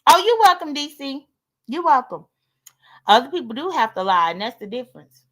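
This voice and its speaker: With a high-pitched, sing-song, fairly bright voice at a moderate pace, an American woman in her late thirties hosts a livestream. She airs her grievances in casual chat, blunt and sassy, cursing freely.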